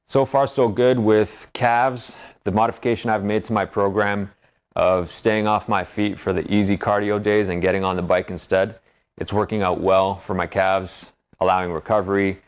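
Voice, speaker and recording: A man talking through his training in an explanatory vlog monologue. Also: sits low. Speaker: vlogger documenting 10k race training.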